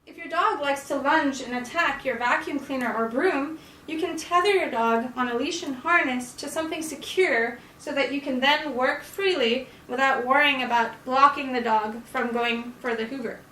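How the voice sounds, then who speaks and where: Woman dog trainer, bright and high, recorded roomy from a distance in a house. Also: normal speed, a little hiss or hum. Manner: calm explaining, soft praise to the dog. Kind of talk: instructional demonstration. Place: indoors in a house.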